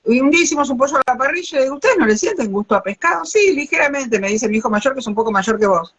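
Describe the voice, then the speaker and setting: Racing along with a high voice and a breathy edge, the older Rioplatense-accented woman from Argentina, a biologist, hosts a casual live interview on video call. Her stories are animated and full of restarts.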